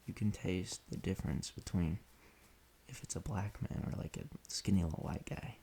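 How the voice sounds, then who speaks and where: A man casually rambling in an offhand, deadpan way while he plays a video game, often restarting his sentences. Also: deep voice, normal speed, creaky, slight background noise. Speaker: solo podcaster playing a video game.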